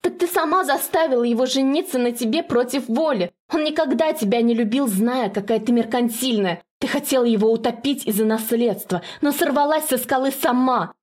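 A woman voicing a desperate, furious young blonde daughter who shouts and pleads. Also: fairly high pitch, brisk, few pauses, voice pushed up, natural voice. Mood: accusing.

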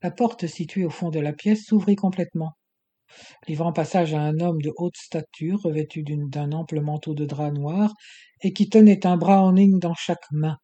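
A male narrator reading an adventure novel aloud in a steady, measured way. His voice is husky with a dark, mellow tone, pitched a little high for a man. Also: dull audio. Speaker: audiobook narrator. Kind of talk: scripted audiobook narration.

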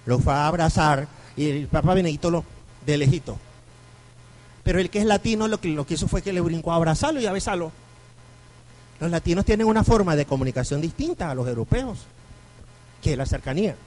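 Animated Venezuelan priest lecturing. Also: male voice, fairly high pitch, a little fast, pauses often, low-quality recording. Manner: animated storyteller, acts out quoted voices. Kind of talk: lecture to a parish group.

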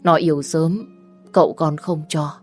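A woman's voice: low-pitched, fairly even intonation, measured pace, faint music behind. A woman voicing a worried middle-aged mother who complains anxiously about her runaway niece on the phone.

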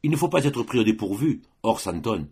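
Male reader playing a resolute young sister, soft and husky, pitched a bit high. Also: very animated, a little fast, full character voice. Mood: firm gentle. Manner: gentle but firm. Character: young woman, grave and fiercely determined sister.

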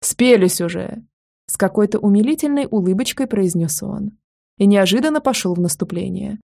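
Woman audiobook narrator, first-person, lively, gravelly voice, mid pitch. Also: fairly quick.

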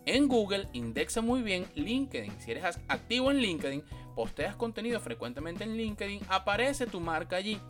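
A man's voice: high-pitched, sing-song, moderate pace, few pauses, a bit bright, soft background music. A man with a Venezuelan accent giving podcasting tips in a blunt, emphatic, casual monologue, swearing freely.

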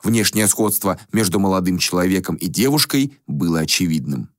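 A man's voice: sits low, normal speed, no room sound, studio quality. A man reading a fantasy story aloud as an audiobook narrator. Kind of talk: scripted narration.

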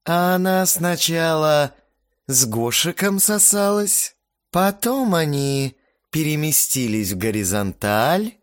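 Male reader voicing a shrugging party girl, high and flat-toned. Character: hungover offhand young woman.

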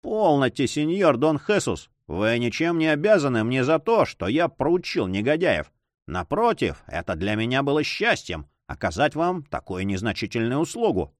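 A composed young nobleman speaks with easy courtesy and a hint of irony. His lines move with lively rises and falls. A man reads him in an audiobook. The sound is close and dry. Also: medium pitch, moderate pace, dry recording, close to an everyday voice. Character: young male count, cool and courteous.

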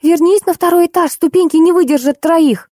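Женщина изображает бойкую высокоголосую дочку. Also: female voice, very high voice, brisk, dark tone, dry recording, studio quality, pitched above the performer's own voice. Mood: insistent. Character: bossy, sensible teenage daughter.

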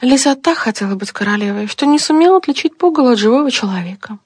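A woman reading a fairy tale aloud as a storyteller, in an expressive storybook manner. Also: on the high side, fast talker, husky, no room sound, soft background music.

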